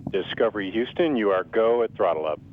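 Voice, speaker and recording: A man making brisk mission control calls over a crackly radio comms loop. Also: fairly low pitch, animated. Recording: muffled radio channel with hiss.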